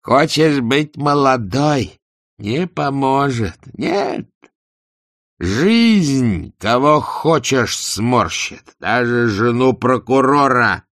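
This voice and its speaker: A man voicing a drunk, despairing middle-aged prosecutor who rants and shouts. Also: mid-range voice, animated, drawn-out words, dry recording, studio quality, pitched above the performer's own voice. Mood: bitter. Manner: loud, ranting, drunken shouting.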